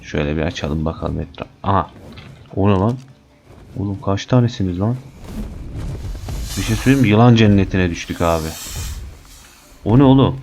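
A man giving casual, chatty commentary on his gameplay as a channel host, excitable and cursing lightly at the creatures. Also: deep voice, normal speed, long pauses, slight background noise.

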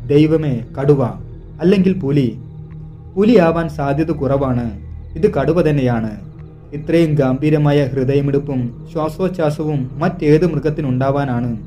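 A man narrating a tense hunting story in a suspenseful, hushed storytelling manner. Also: on the high side, measured pace. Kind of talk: dramatic scripted narration. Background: soft background music.

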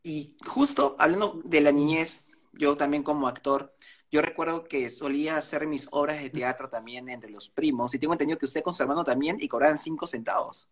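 A man's voice: fairly high pitch, a little fast. Young Peruvian man hosting an interview. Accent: Peruvian Spanish. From Peru. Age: young adult. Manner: polite and admiring, full of affirmations. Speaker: interviewer, host. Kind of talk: friendly interview. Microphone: video call.

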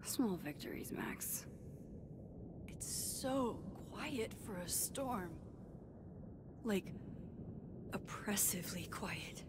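An actress voicing a quiet, wry young woman in a video game, speaking softly, at times almost in a whisper. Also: mid-range voice, very slow, long pauses. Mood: hushed wry. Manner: soft, hushed and dry, often near a whisper. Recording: game audio with steady noise behind.

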